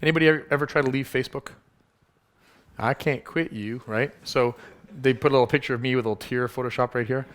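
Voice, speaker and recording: Male workshop speaker, quick delivery, punchy and teasing with the audience. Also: mid-range voice, steady tone. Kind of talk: live workshop talk.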